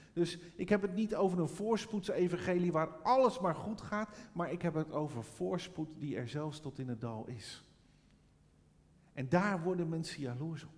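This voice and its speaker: Fervent middle-aged male preacher in a reverberant church. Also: sits high. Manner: storytelling, rising to fervent preaching. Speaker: pastor. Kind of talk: sermon with personal story.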